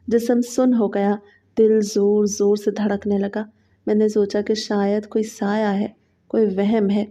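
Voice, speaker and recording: A woman narrating a horror story in the first person, in a slow, steady, scripted way, in a dull lo-fi recording. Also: medium pitch.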